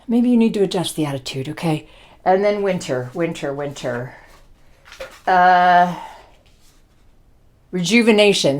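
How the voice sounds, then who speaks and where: Woman, tarot reader, lively swooping voice, blunt, jokey, cursing. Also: lowish voice. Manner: blunt, joking, swears freely. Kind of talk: casual tarot reading.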